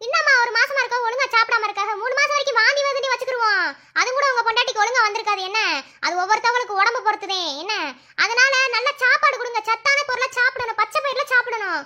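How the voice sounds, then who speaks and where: A woman acting as a female doctor who gives steady, lecturing advice to a couple in a family skit. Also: extremely high pitch, very fast, exaggerated voice. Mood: advising. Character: calm advising female doctor.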